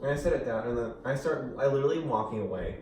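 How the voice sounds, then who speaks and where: A man's voice: mid-range voice, animated, very fast, darkish tone. Young man telling stories in an echoey room. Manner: rambling storyteller, fillers and laughs. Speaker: co-host. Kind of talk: casual chat. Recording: echoey room, far from the mic, noisy.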